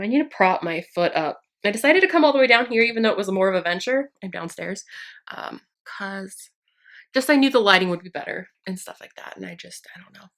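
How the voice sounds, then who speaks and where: A young woman vlogger does her makeup at home in a casual get-ready-with-me chat, seated at her vanity downstairs. She's a beauty vlogger getting over a sinus infection, and she rambles and teases herself. Her voice has a medium pitch and a slightly bright quality.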